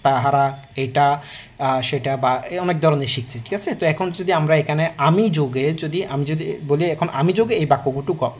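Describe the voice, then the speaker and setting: A man's voice: on the high side, moderate pace. A man teaching an online language lesson, explaining patiently with fillers and restarts and often checking in with listeners. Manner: explanatory, repeats words, many fillers and restarts.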